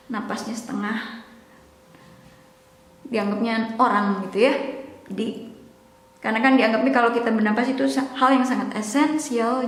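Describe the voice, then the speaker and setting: A young woman giving a casual language lesson, explaining slowly, repeating words and joking now and then. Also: fairly high pitch. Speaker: English teacher. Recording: echoey room with long reverb.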